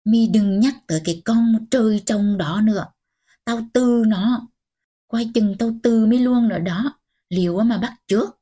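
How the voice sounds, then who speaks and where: A woman voicing a stern, old-fashioned grandmother, scolding in a slow, husky voice. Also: a little high. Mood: furious. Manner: scolding, sharp and commanding.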